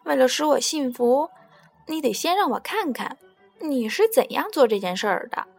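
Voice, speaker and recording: A woman voicing a wise old male heron in a storybook, calmly questioning like a judge. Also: sits high, moderate pace, gravelly, soft background music, full character voice. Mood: earnest. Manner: calm, earnest questioning. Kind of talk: storybook character voice.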